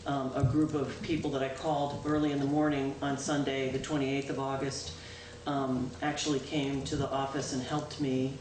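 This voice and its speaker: A woman town clerk gives a chatty, informal spoken report to the town board at a public meeting, loud-voiced, rumbling low and level in tone. She pauses often with "um" and corrects herself. A distant room microphone in the town meeting room yields an echoey, distant, noisy local-access recording.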